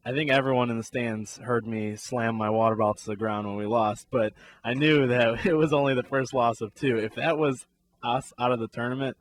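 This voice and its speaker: A man's voice: medium pitch, steady tone, fairly quick. A man co-hosting a sports talk show, casually recounting a game in detail with easy laughs. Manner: laid-back, recounts plays in detail with laughs. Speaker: co-host.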